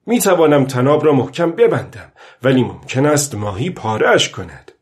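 A man's voice: mid-range voice, natural voice. A man doing a weary old fisherman. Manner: loud, strained, pleading with the fish. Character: weary old male fisherman talking to himself.

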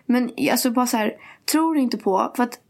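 Young woman on a podcast, chatty, bit sick and sleepy, just talking casually. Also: a little high. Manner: chatty, animated storytelling with acted quotes. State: a little sick and tired. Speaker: podcast co-host. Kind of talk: casual chat, mixing Swedish and English.

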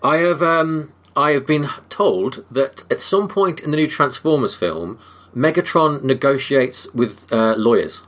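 A man's voice: medium pitch, animated, unhurried, a bit bright. A man hosting a casual podcast, laughing easily and making dry jokes. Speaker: podcast host.

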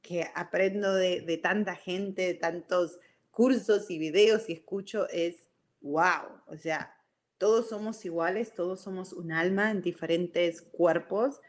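A middle-aged woman with a Rioplatense Spanish accent, a mother giving casual parenting advice, who tells her story with animation, drops in English words and keeps asking "ok?". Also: on the low side.

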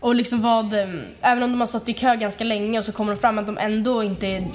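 A woman's voice: on the high side, little pitch movement, faint music behind. A young woman talks on a podcast in a slightly raised voice. She is chatty and frank, and her talk is full of fillers and casual swearing. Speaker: podcast co-host. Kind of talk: casual chat.

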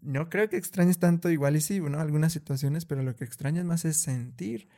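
A man with a mellow, slightly high voice, talking slowly and thoughtfully in a relaxed conversation. He pauses often on fillers and suddenly lifts his voice to mimic a strict parent. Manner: acts out scolding parents in raised voice; slow and deliberate, many fillers. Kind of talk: reflective casual conversation.

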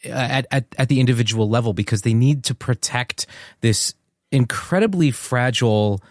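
A man hosting a podcast conversation, speaking thoughtfully and haltingly, often restarting his sentences. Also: mid-range voice, no echo, clean studio sound.

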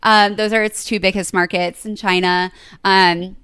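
A woman's voice: medium pitch, level tone, a little slow, fairly bright tone, clear, resonant tone, dry recording. Chatty young woman, dry close sound. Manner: chatty, fills speech with "like". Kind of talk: casual chat, retelling a story.

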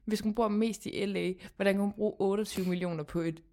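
A woman's voice: medium pitch, fairly even intonation, mellow. A woman chatting casually and emphatically as a podcast host. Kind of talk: casual gossip chat.

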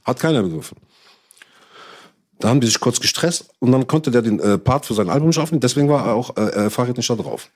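A man's voice: medium pitch, fast talker. A man chatting casually, telling a story in slangy speech and acting out what others said. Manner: slangy and animated, swears he is not lying, acts out others' lines. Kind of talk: casual chat, telling an anecdote.

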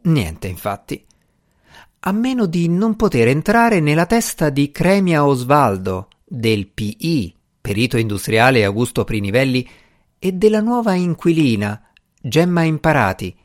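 A man narrating a novel chapter by chapter in a wry, measured storytelling manner. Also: a little high, big pitch swings. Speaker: audiobook narrator. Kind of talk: scripted narration.

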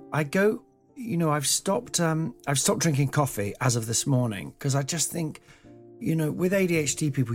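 Recording from his old house, this man talks solo into a home mic that lacks a pop shield, his voice a little croaky. His monologue wanders loosely from idea to idea, chatty and self-mocking, with an occasional curse, and soft music lingers in the background.

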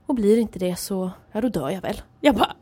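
A woman co-hosting a casual podcast, telling stories and acting out what others said. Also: husky. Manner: animated storyteller, acts out quotes in a high squeal. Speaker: podcast co-host. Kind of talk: casual chat.

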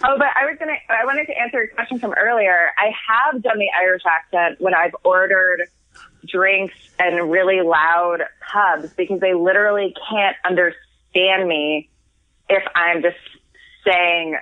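An American podcast co-host phones in from abroad, her voice on the low side at normal speed, with no room sound but the tinny quality of a phone call. Slightly tipsy, she giggles and rambles through the casual chat, restarting often.

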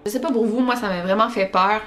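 A woman with a Québécois accent, hosting a podcast and telling paranormal stories in an animated, chatty way. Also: medium pitch, fast, faint music behind. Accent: Québécois French. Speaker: podcast host.

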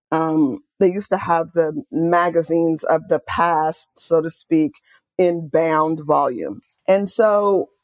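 In a conversational interview, this Oakland, California author and music journalist, a middle-aged woman, spins lively, animated stories peppered with quoted asides. She speaks in a lowish voice, and the recording has no room sound.

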